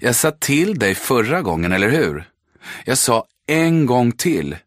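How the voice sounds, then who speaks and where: A man reading an audiobook voices a cocky teenage boy bully who shouts taunting threats. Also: mid-range voice, big pitch swings, no room sound, studio quality, voice pushed up. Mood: threatening.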